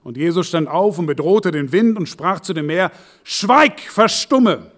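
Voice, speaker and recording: A man preaching as a pastor, swinging from hushed, slow asides to loud, animated quoted voices. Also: a little high. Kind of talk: sermon.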